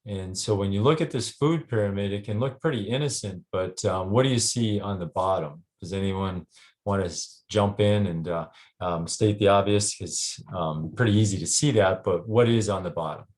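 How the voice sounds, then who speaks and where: A man's voice: low voice, a little mellow. A middle-aged Canadian doctor giving a casual health talk to a group, filling his sentences with ums and restarts. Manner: halting, frequent ums and restarts.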